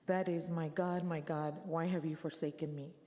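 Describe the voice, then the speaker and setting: A woman reads scripture as the narrator of a church dramatic reading. Her voice sits low and is dark and mellow, with the long reverb of a large sanctuary around it. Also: fairly even intonation, normal speed. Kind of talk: church readers' theater narration.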